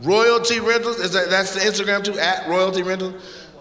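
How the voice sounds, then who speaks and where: A man's voice: high-pitched, steady tone. A man doing live stand-up crowd work, brash and teasing, recorded in a large venue. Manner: brash, teasing, quick-witted. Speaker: stand-up comedian. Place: large comedy venue, on stage. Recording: live venue with long reverb and loud background.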